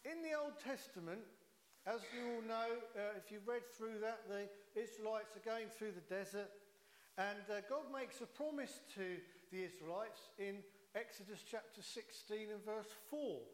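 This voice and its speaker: Yorkshire preacher in an echoey hall. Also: male voice, sits high, moderate pace, slight background noise. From Yorkshire, England. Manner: chatty, folksy, with jokes and frequent "uh". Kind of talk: sermon.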